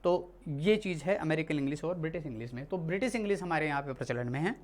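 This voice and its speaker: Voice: medium pitch, expressive, fast. A teacher from India giving a classroom lesson, explaining patiently and often repeating and correcting themselves. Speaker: English teacher.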